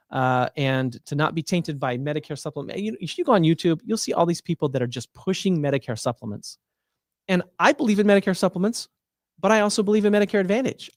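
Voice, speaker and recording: A Medicare plan advisor hosts a livestream, casually guiding viewers through insurance plans in a somewhat high voice. He thinks out loud, using fillers and restarting sentences. The sound is clean studio quality with no echo.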